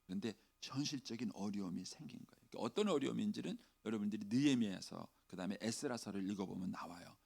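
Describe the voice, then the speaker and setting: A middle-aged male pastor preaching a dawn sermon, acting out pleading prayers in a raised voice and dropping to soft near-whispers. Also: fairly low pitch, lively intonation, quick pace, creaky, hardly any pauses, breathy edge.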